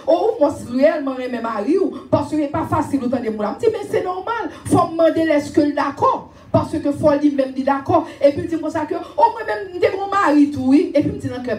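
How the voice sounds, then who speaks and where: A woman preaching a sermon and telling a personal testimony, animated and often raising her voice with laughter. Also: high-pitched, echoey room, distant mic. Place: church.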